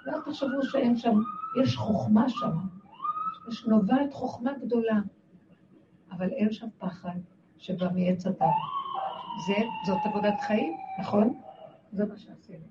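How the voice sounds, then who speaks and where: A woman's voice: fairly high pitch, wildly swooping pitch, pauses often, very noisy. A woman giving an impassioned devotional talk as a spiritual teacher, sometimes dropping to near-whispers, heard on a distant, dull recording.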